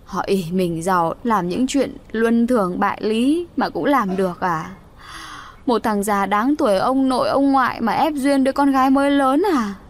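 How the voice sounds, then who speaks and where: A woman's voice: a little high, normal speed, slight background noise, natural voice. Woman narrator doing a bereaved mother in an audio story, keening and blaming. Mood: accusing. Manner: wailing, reproachful. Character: grieving village mother, loud and accusing.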